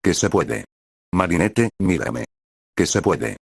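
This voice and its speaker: A worn-out young soldier facing death, as a man plays him, speaking slowly and hoarsely with quiet resolve. The voice is very deep and dry. It is a storybook reading. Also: big pitch swings, dry recording, heavily acted. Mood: resolute. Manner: slow, tired and hoarse. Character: weary condemned male soldier, calm and resolute.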